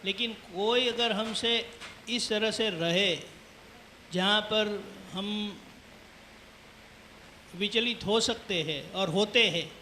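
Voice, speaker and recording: Bright, halting man asking a question. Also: sits high, a little hiss or hum. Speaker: questioner in the audience.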